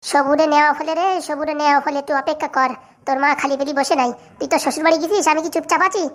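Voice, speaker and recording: A scheming middle-aged cartoon mother scolds and orders her daughter about in a very high, squeaky voice. She rattles her lines off at a breakneck pace. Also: steady tone, very fast, fairly bright tone. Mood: bossy. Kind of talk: cartoon voice acting.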